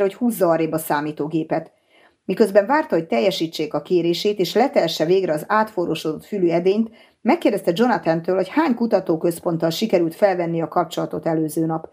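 Mellow low-voiced woman narrator. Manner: even, measured reading. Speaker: audiobook reader. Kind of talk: audiobook narration.

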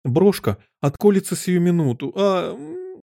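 A man voicing an elderly queen, shrill, fretful, wailing, audiobook character, dry close sound. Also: animated, normal speed, mellow, dry recording, lightly acted. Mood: shrieking. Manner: wails and cries out, fretful.

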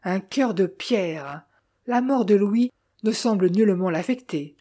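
A woman voicing a kind, elderly lady doctor in an audiobook, polite and firmly insistent. Her tone is mellow and warm, at an ordinary pitch. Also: lively intonation. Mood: earnest. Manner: courteous, measured.

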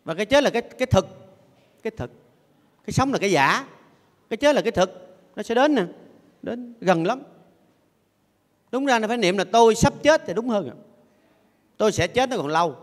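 Older monk w preaching, high voice, long hall echo. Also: male voice, expressive, brisk, pauses often. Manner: playful, has the audience repeat phrases after him. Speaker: Buddhist monk giving a dharma talk. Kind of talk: sermon. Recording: long echoey hall reverb.

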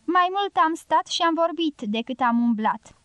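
Playful quick-tongued young woman, woman narrator reading her, high voice. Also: expressive, fairly bright tone, no room sound. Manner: playful, retorting.

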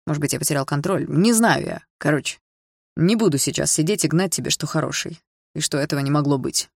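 A woman voicing a sullen, grieving teenage boy in an audiobook, speaking in a flat, clipped way. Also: deep voice, fast talker, creaky, breathy edge, no room sound, clean studio sound, heavily acted. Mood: defensive.

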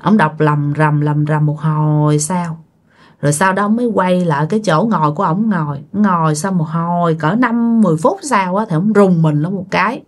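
A woman's voice: on the low side, expressive, brisk, hardly any pauses. A woman with a Southern Vietnamese accent telling a ghost story in a chatty, casual way, talking directly to her listeners.

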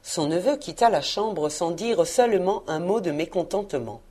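A woman reading a classic novel aloud as an audiobook, with measured, expressive storytelling. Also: fairly low pitch. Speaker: audiobook reader. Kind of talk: scripted narration of a classic novel.

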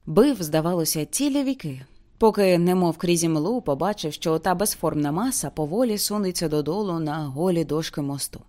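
A woman reading a novel aloud as an audiobook, with intense dramatic narration that slows for grim moments. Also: on the low side, expressive, dark tone. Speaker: audiobook reader.

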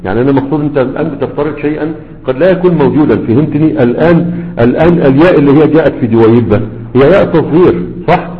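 Man teaching in an echoing hall. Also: on the high side. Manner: conversational, repeats words slowly to model pronunciation. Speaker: grammar teacher. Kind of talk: classroom lesson with questions. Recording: dull lo-fi audio with long hall reverb.

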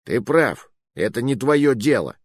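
A man's voice: medium pitch, sing-song, a little slow, slightly rough, no room sound, studio quality, pitched above the performer's own voice. A man voicing a short, fat, hot-tempered rogue who snaps and grumbles, in an audiobook. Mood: irritable. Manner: snappish, grumbling. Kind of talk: audiobook narration.

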